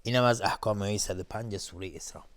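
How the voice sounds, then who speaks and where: A man teaching Quran recitation rules on a broadcast lesson, explaining tajweed between slow chanted verses. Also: lowish voice, a bit bright. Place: television studio.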